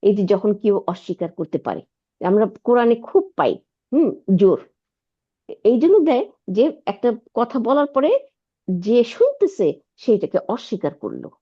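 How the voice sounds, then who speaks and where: A woman's voice: medium pitch, sing-song, normal speed, long pauses, breathy edge, highs cut off. A woman teaching an Arabic lesson online, patiently repeating words and checking that her student follows.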